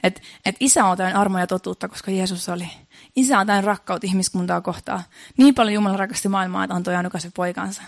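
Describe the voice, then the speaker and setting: A woman's voice: mid-range voice, steady tone, gravelly, dry recording, clean studio sound. A woman preaching a sermon in an earnest, repetitive way, building emphasis as she goes.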